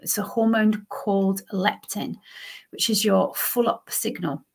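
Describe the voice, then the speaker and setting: A woman's voice: mid-range voice, fairly even intonation, a little slow, gravelly. A woman, a lifestyle coach hosting a solo podcast and explaining things in a conversational, emphatic way. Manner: conversational, emphatic, checks in with "okay" and "right".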